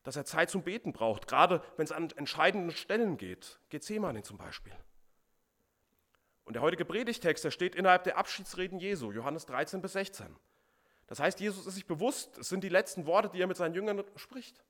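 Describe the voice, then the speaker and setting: A man's voice: sits high, expressive, fairly quick, fairly bright tone. A man preaching a sermon as pastor, stressing and repeating key words for emphasis.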